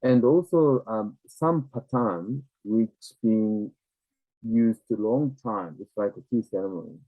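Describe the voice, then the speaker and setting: A man from Japan with a Japanese accent, a non-native speaker explaining ideas reflectively and conversationally, haltingly searching for words. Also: on the low side, lively intonation. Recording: tinny, narrow phone-like, echoey room.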